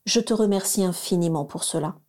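A woman voicing a cheerful, affectionate mother who gently coaxes her children in a storybook reading. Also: fairly low pitch, brisk, lightly acted. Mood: tender.

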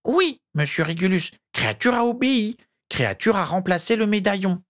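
A woman voicing an old male house-elf servant, anxious and devoted, with a creaky, grating voice who refers to himself in the third person and pleads with his master. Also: medium pitch, expressive, normal speed, close to an everyday voice. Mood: urgent. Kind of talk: amateur audiobook character voice.

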